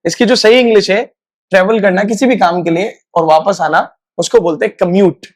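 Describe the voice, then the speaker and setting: A man's voice: high-pitched, fairly quick, dry recording, studio quality. A man teaching a spoken lesson in a chatty way, stretching out example sentences word by word. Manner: chatty, addresses viewers as guys and brother. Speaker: English teacher.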